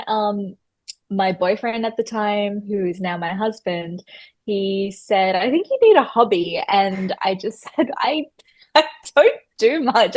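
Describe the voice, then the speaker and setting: A woman, telling her story as a podcast guest in an animated, chatty way with many fillers. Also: mid-range voice, no room sound. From Australia. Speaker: guest, personal stylist.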